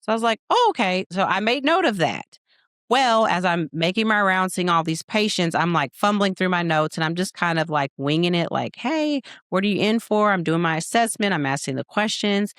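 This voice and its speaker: A young woman co-hosting a podcast as a nurse, telling stories in a playful, animated way and acting out scenes. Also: fairly low pitch, a little fast, no room sound, studio quality. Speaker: podcast co-host, nurse practitioner. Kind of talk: casual storytelling chat.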